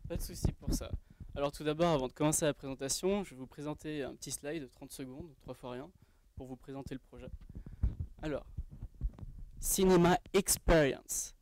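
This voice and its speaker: A man presenting his team's project on stage in a casual, halting way, with many fillers. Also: on the high side, fairly even intonation, darkish tone. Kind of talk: pitch presentation.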